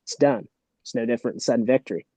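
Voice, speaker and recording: Male wrestling official, mid-pitch, patient explainer, dry recording. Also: very fast, no room sound, low-quality recording. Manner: explains rules at length, steady and matter-of-fact. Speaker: wrestling referee. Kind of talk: casual podcast interview.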